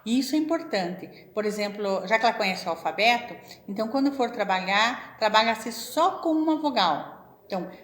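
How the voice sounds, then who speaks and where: A woman, a literacy educator, patiently explaining in an informal teaching talk and sounding out syllables slowly. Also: on the high side, roomy sound.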